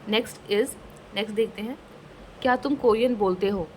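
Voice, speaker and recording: A woman teaching a casual language lesson, slowly explaining each phrase and repeating it twice, mixing English words into her talk. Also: medium pitch, a little mellow, slight background noise, low-quality recording. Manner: mixes English words into Hindi.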